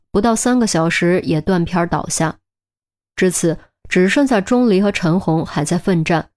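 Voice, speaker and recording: A woman reading a crime audiobook in a steady storytelling manner. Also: lowish voice. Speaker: audiobook narrator. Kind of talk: scripted audiobook narration.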